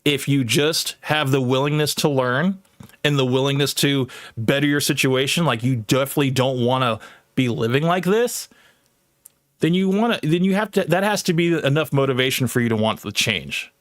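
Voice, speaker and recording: Blunt male debater, mid-pitched, dry close sound. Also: normal speed, fairly bright tone, no echo. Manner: blunt, opinionated, repeats himself. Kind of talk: live online debate.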